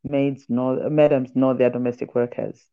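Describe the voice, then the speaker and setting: A woman writer who is a podcast guest, chatting in a lively storytelling way and reading aloud from her book. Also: rumbling low, normal speed, phone-quality sound.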